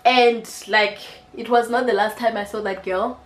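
Lively young South African woman, echoey room. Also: on the high side, moderate pace. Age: young adult. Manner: animated, slangy storytelling with repetitions. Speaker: YouTuber. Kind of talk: storytime vlog, casual chat. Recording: echoey room with faint music.

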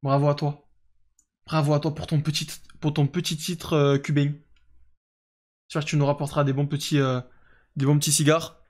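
This young male streamer talks at a normal speed with a fairly high, level, slightly mellow voice, leaving long pauses. Playing a football management game, he keeps up casual live commentary, reading chat aloud, replying to viewers and using plenty of fillers.

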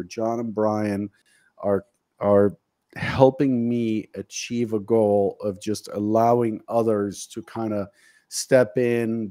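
In his fifties, this man hosts a casual video-call chat from his home office, speaking through a studio mic. His voice sits on the low side with a dark tone, and he talks earnestly, a bit self-deprecatingly, about his goals.

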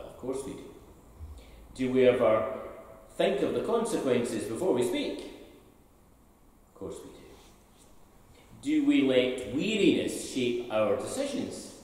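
At a pulpit inside a large church, an older man with a Scottish accent preaches, asking the congregation rhetorical questions. His voice is mid-range and a little mellow. The sound, from a camera far from the pulpit's stand mic, is an echoey church hall heard from a distance.

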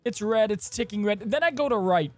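A man with a fairly high voice co-hosts a gaming podcast, talking in a lively, joking way. The sound is dry and close, with faint music underneath. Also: a little fast, dry recording. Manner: animated, jokey, hosting segments. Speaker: podcast co-host. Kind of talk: casual gaming podcast chat.

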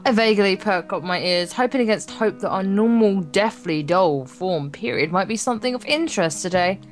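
Hosting a Let's Play, a woman reads a visual novel's text aloud in a mid-range voice at normal speed. Her reading is mixed with casual, joking remarks and an odd stumble here and there, over soft background music.

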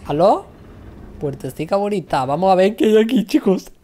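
Young Spanish woman streaming a game: mellow voice, chatty, swears, complains dramatically, slight background hiss. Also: mid-range voice, animated, fairly quick. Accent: Spain Spanish. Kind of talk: live game stream commentary.

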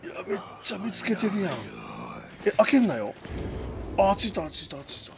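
A man's voice: high-pitched, animated, fast, gravelly, background noise. A man giving casual live commentary on a horror game, talking to himself and reacting aloud, with game sound behind him. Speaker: game streamer.

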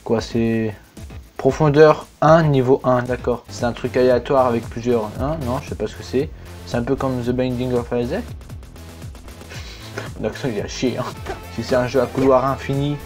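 A young man doing let's play commentary, excitable, yelping and swearing at the game as he plays. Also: mid-range voice, moderate pace. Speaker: gaming YouTuber. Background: game music.

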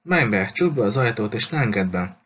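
Male narrator voicing an older gardener who shouts to protect a girl; urgent. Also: on the low side, animated, background noise, natural voice.

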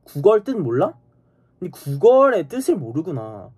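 A man rants at his live stream chat, swearing and hurling insults at the viewers. His voice is husky and sits fairly high. His pitch swings widely as he scolds. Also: wildly swooping pitch, a little slow, a little mellow. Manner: angry, profane, insulting viewers; repeats a challenging "eh?".

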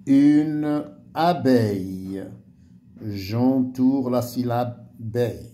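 A man teaching a primary-school French lesson, slowly spelling out syllables and letters for young pupils. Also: mid-range voice, dark tone, a little hiss or hum.

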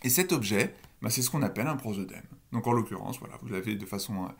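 A man's voice: fairly low pitch, animated, fast. A man giving a recorded university lecture on phonology, explaining step by step and asking the listeners questions.

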